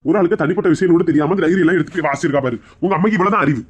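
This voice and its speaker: A woman playing a stubborn, defensive father in a comedy skit, firing back quick retorts. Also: fairly low pitch, husky. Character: stubborn middle-aged father caught out.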